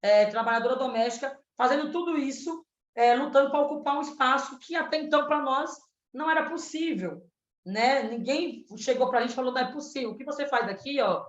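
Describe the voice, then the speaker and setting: Answering in a panel debate, this Pernambuco woman in her 30s, running for the Brazilian state legislature, speaks earnestly like an activist, often tagging points with "né?". Her fairly high voice is fairly quick, heard through a roomy, dull lo-fi line resembling a video call.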